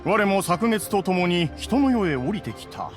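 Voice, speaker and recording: A man's voice: sits high, sing-song, unhurried. A man voicing a proud, stern ancient immortal in human guise for an anime game, lofty and easily exasperated, with archaic phrasing. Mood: haughty. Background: music.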